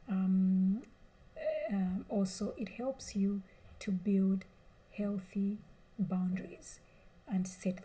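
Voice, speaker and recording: A young woman speaks with a deep, mellow, very dark tone at a middling pitch. She coaches earnestly about relationships, circling back and restating her points. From Rwanda. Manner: earnest, rephrases and repeats herself often. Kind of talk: solo advice talk.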